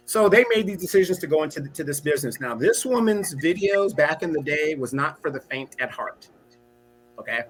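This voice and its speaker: Bright-voiced opinionated male co-host. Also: fairly high pitch, a little hiss or hum. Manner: opinionated, addresses the audience directly. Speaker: co-host, commentator. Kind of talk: casual commentary.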